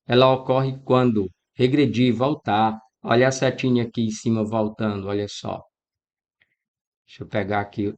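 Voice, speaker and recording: A Brazilian man teaching an exam-prep grammar lesson, talking straight to his students and acting out their questions. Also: medium pitch. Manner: lively, talks to students directly, acts out student questions. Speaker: Portuguese teacher.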